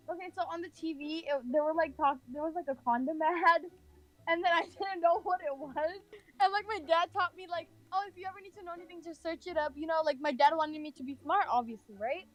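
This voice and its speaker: On a rough recording, a young woman from California rambles through a personal anecdote, leaning heavily on the filler "like." Her pitch is extremely high and her pace fairly quick.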